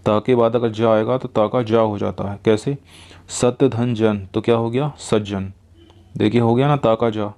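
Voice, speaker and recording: A man's voice: medium pitch, darkish tone. Man repeating grammar rules patiently. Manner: explains slowly, repeats each rule. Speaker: teacher. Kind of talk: grammar lesson.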